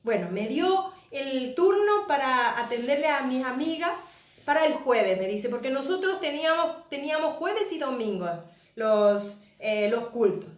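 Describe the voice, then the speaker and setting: A woman's voice: sits high, animated, unhurried. A woman pastor giving an emotional testimony sermon, often repeating phrases for emphasis. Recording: echoey room.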